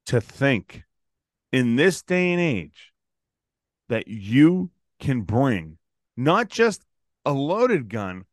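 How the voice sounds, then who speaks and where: A man's voice: medium pitch, big pitch swings, drawn-out words, pauses often, no echo, studio quality. A man co-hosting a casual podcast, riffing and telling stories with blunt, profane humor. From New England. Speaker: podcast co-host.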